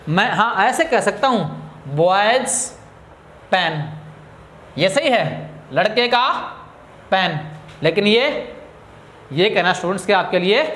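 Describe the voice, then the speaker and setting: A man teaching English grammar with a Hindi accent, asking his students questions and answering them himself, drawing key words out slowly. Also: high voice, a bit bright. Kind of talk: classroom lecture. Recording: echoey room.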